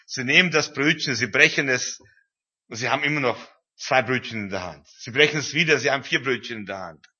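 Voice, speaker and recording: Man preaching, bright and husky. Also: mid-range voice, brisk. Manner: retells scripture in a conversational tone, with many fillers. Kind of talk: sermon. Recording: dull, lo-fi recording.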